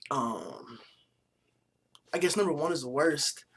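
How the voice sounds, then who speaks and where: A man's voice: on the high side, takes it slowly, a little hiss or hum. A man casually reviewing new basketball jerseys in a vlog, with blunt opinions, plenty of swearing and loose slang. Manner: blunt, profane, joking opinions; relaxed slangy talk. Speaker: sports vlogger.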